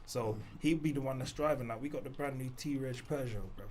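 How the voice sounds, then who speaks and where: A man from Reading, telling stories as a podcast guest in animated street slang. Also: mid-range voice, brisk, slight background noise. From Reading, England. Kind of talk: casual storytelling interview.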